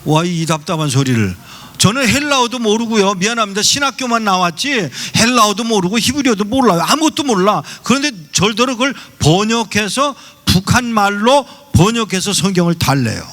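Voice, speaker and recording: A man's voice: sits high, animated, brisk, a bit bright. A male pastor preaching a sermon, telling a story and acting out the dialogue in quoted voices. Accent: Seoul Korean. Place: church sanctuary.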